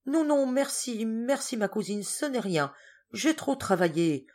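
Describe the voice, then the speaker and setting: Woman reader as a guilty young man caught out; flustered, halting replies. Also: low-pitched, lively intonation, a little mellow, breathy edge. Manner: flustered, stammering.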